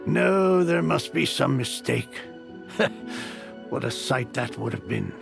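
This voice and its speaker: A man's voice: medium pitch, lively intonation, takes it slowly, creaky, music in the background, heavily acted. A man playing a fussy, flustered aspiring novelist in a game, theatrical and sarcastic in his delivery. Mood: bewildered. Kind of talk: animated game voice acting.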